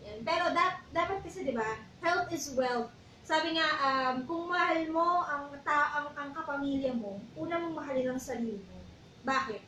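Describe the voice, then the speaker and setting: A woman co-hosting a church talk show in a casual, chatty way. She slows down and speaks deliberately when she reads scripture. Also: high-pitched, bright, forceful tone, reverberant, far from the mic, a little hiss or hum, rough recording. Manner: chatty, switches into slow deliberate English when reading scripture. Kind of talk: casual faith talk, reading Bible verses.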